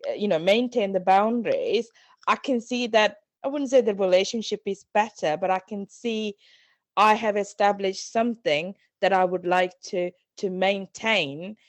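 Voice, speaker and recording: A middle-aged Sri Lankan woman, a parenting coach, appears as a guest in a podcast interview. Her mid-range voice moves at a moderate pace with no echo, and she speaks reflectively and earnestly, often restarting phrases.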